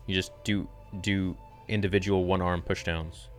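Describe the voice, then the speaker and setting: A man in his twenties with a very low, deep voice, hosting a live-stream Q&A. He reads viewer questions aloud and answers in a relaxed, easygoing way. Faint music plays in the background. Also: normal speed. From Canada. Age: 20s. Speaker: fitness channel host.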